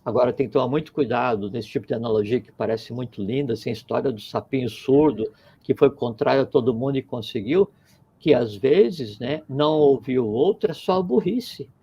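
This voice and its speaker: Gravelly low-toned man musing. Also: fairly quick, warm tone, highs cut off. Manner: digressive, repeats phrases, tells parables with acted quotes. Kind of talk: reflective conversational talk.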